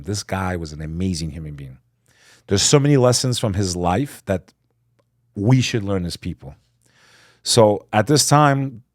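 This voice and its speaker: Podcast guest from Texas, a man with a low, dry-miked voice, earnest and lecturing. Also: a little mellow, no echo. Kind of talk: casual podcast conversation.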